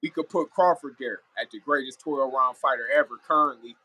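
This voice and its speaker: A man's voice: medium pitch, fairly quick, bright, forceful tone, slightly rough, no room sound, poor audio. A man giving his opinions in a casual sports reaction video, repeating phrases for emphasis as a guest commentator.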